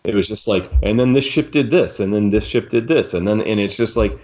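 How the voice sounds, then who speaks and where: A podcast host with a lowish, darkish voice talks casually and opinionatedly about a book. He repeatedly pauses to rephrase, and the lo-fi recording comes across muffled and dull.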